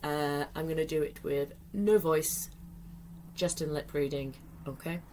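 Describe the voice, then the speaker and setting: A woman with a notably low-pitched voice talks learners through a lesson, patient and step by step, with small fillers. A faint hum of room ambience sits behind her. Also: fairly even intonation, unhurried, warm tone. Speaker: sign language teacher. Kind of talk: friendly tutorial lesson.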